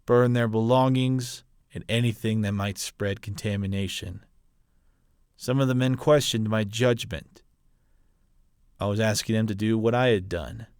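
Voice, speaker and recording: Man acting ruthless military colonel, low and grave. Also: fairly even intonation, a little mellow, clear, resonant tone, no room sound, studio quality. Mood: cold, hardened. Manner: grave, deliberate military officer delivery. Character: hardened, ruthless military colonel justifying his brutal mission. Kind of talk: dramatic film monologue voiceover.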